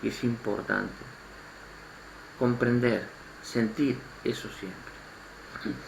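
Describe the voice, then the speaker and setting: A man from Spain with a Spanish accent giving an informal spoken sermon, halting and restarting his phrases and repeating words as he goes. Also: mid-range voice, fairly even intonation, creaky, slight background noise. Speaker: lay preacher. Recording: echoey room, faint ambience.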